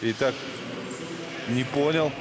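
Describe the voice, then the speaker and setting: A man giving conversational live hockey analysis as co-commentator, in halting short phrases. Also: medium pitch, noisy background.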